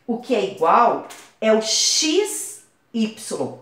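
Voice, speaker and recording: A woman math teacher talks a class through a lesson, patiently and with everyday comparisons. Her voice is a little high and lively, rising and falling a lot. The sound carries a clear room echo. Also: very slow. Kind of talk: explaining algebra lesson. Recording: echoey room.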